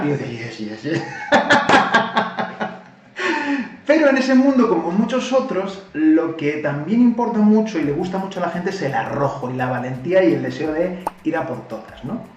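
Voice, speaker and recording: Animated Spanish man, roomy distant sound. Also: on the high side, brisk, highs cut off, slight background noise. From Spain. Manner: animated, acts out quoted lines with laughter. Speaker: YouTube language-learning host. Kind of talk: casual retelling and explanation.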